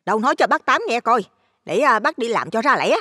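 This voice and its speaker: A man's voice: extremely high pitch, sing-song, a little fast, sharp tone, husky, long reverb tail, pitched above the performer's own voice, heavily acted. A man voicing a gossipy middle-aged village tea-stall woman, fawning and chatty. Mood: fawning nosy.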